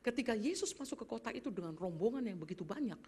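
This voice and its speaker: A woman pastor preaching in a lively, conversational way, often addressing the congregation directly. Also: a little high, quick pace. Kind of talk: sermon.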